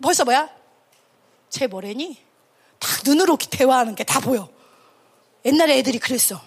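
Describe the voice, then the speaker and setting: A woman from Korea preaching to a youth camp in a notably high voice. She drives each point home with rhetorical questions and playful acted-out quotes. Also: a little fast, husky. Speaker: evangelist preaching to a children's camp. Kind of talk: sermon.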